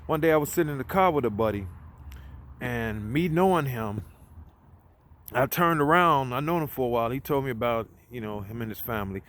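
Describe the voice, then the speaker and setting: A man's voice: mid-range voice, lively intonation, a little fast, fairly bright tone. A man talking casually while walking outdoors at night, telling a rambling, conversational story and repeating himself. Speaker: vlogger.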